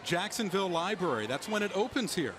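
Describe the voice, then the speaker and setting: A man's voice: high voice, very animated, brisk. A man giving conversational color commentary on a wrestling match, chatty with asides and reactions. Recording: noisy arena, loud crowd behind. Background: loud crowd and arena noise.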